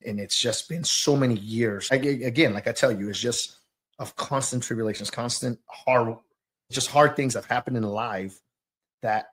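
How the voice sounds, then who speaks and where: Recounting his experiences in a podcast interview, a business owner and youth soccer coach from southern Mexico's Oaxaca talks in a fairly low voice. He is mildly nervous, and his delivery is halting and thoughtful as he hunts for the right words.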